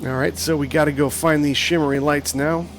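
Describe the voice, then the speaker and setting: A man's voice: on the high side, steady tone, a little fast, slight background noise. A man casually commenting on his truck-driving gameplay, rambling with frequent ums and restarts as he plays. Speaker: gaming channel host.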